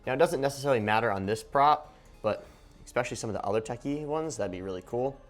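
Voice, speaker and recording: A man's voice: medium pitch, fast talker, soft background music. A man giving a casual hands-on unboxing and review narration as a video host.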